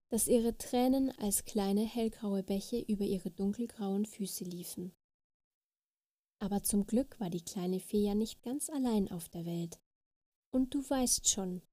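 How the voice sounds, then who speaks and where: A woman reading a children's fairy tale aloud with lively, expressive narration. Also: mid-range voice, no echo. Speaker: storyteller.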